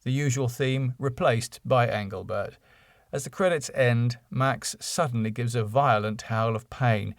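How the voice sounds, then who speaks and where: This podcast host and writer, a middle-aged British man, alternates between reading his scripted screenplay and talking informally to his audience. He speaks at a measured pace with medium pitch, captured cleanly in a studio with no echo.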